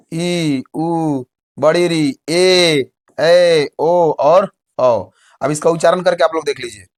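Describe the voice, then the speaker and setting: Man, school exam tutor, lighter voice, repeats each point. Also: high voice. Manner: repeats points, checks with "samjhe?". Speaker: teacher. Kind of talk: board exam lesson.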